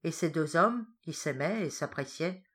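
A woman's voice: low-pitched, lively intonation, normal speed. A woman reading a novel aloud as an audiobook narrator, voicing the dialogue with lift. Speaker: audiobook reader. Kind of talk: scripted narration.

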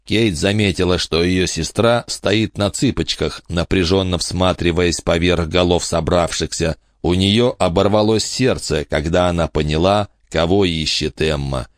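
A man narrating a storybook in an expressive reading style, voicing many characters. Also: deep voice, measured pace, few pauses, no echo, studio quality. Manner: expressive reader doing many voices. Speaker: audiobook narrator.

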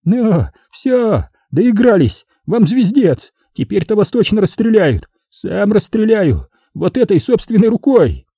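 Man doing a shrill vicious commander, screeching threats, dark dry audiobook read. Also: very animated, unhurried, few pauses, slightly rough, dry recording, exaggerated voice. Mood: menacing. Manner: yelling threats. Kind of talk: audiobook reading.

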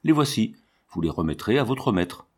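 An honest teenage boy speaks earnestly and firmly, as a man reads him. The voice stays low and plain, a storybook hero. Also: sing-song, moderate pace, a little mellow, husky. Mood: indignant. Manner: earnest, firm.

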